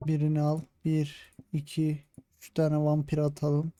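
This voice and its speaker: A man's voice: on the high side, completely flat delivery, measured pace, mellow. A man with a Turkish accent commenting on his own strategy gameplay, muttering his plans and growing frustrated as attempts fail. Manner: frustrated muttering, talking himself through tactics. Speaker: gaming channel host. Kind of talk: let's play commentary.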